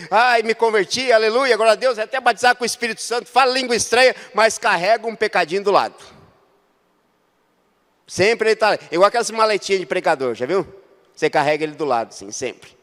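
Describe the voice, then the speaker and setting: A Brazilian man preaches in a church, his voice sitting high for a man. He moves between easygoing storytelling and loud, rising exhortation, and a long reverb trails his words through the hall. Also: animated, a little fast. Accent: Brazilian Portuguese. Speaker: pastor. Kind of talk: sermon.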